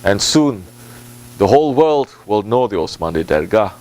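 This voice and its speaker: A man plays a Sufi religious teacher answering a question in an informal sermon, his English threaded with Arabic and Turkish devotional phrases. His phrasing is deliberate and halting, and he repeats himself for emphasis. The voice is fairly low and darkish, with a sing-song lilt.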